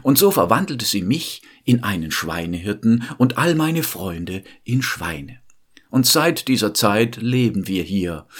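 A man voicing an enchanted prince living as a swineherd in a told fairy tale, speaking in a gentle, confiding way. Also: medium pitch.

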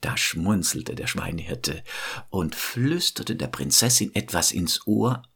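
Telling a fairy tale, a male storyteller speaks to his audience directly and warmly. His low, husky voice has vocal fry and a sing-song lilt, and he goes at a slow pace.

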